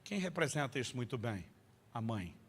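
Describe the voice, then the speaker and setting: A man pastor telling funny family stories in a sermon, animated and bursting into shouts at the punchlines. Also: medium pitch, normal speed, breathy edge. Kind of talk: humorous sermon storytelling.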